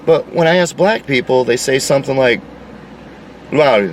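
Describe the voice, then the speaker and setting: A man's voice: medium pitch, a little fast, recorded from a distance, slight background noise, low-quality recording. A man delivering an insistent, lecturing opinion monologue. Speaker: commentator.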